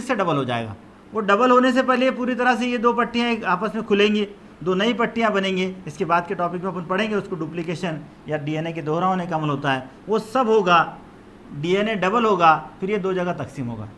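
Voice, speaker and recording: Male teacher, Urdu accent, fairly high voice, patient explainer, faint room noise. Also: a bit bright. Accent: Urdu-speaking, Maharashtra. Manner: explanatory, repeats terms in Urdu and English. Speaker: biology teacher. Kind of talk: classroom lecture.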